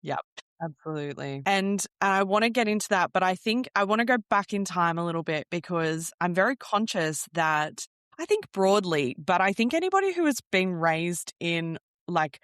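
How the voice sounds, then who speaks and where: A host speaking at a middle pitch into a dry, close microphone. The talk is loose and chatty, full of false starts and restarted phrases. The host asks broad, open questions in a relaxed interview. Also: moderate pace, clear, resonant tone, no room sound. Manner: chatty, restarts sentences, casual swearing. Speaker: podcast host. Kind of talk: casual interview chat.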